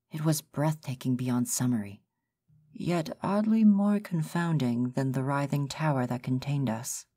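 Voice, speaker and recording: Woman narrator, ASMR horror reading; deep, mellow, measured, formal delivery.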